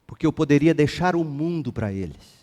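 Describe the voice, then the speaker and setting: A man with a Brazilian Portuguese accent preaches a passionate sermon. His voice sits high, and he swings between hushed appeals and forceful declarations. A long reverb from the church hall trails each phrase. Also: animated, a little fast, highs cut off. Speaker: pastor. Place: church sanctuary.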